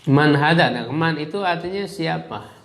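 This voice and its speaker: A man teaching an Arabic class, drilling phrases slowly and leading group repetition. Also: a little high, expressive, a bit bright. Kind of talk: classroom lesson. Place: classroom with students.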